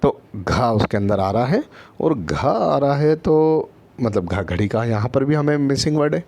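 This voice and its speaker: A man's voice: medium pitch, very animated, unhurried, darkish tone. A man teaching first graders in an online lesson, patient and repetitive, often checking in with his listeners and drawing out letter sounds. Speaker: primary school teacher.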